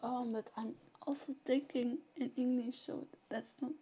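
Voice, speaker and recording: A woman with a Flemish accent, a native Dutch speaker, chatting softly and giggling as she streams and reads a story game aloud. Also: sits high, fairly even intonation, moderate pace, dull audio, slight background noise. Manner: soft-spoken, giggly. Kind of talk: casual live-stream chat, reading a story game aloud.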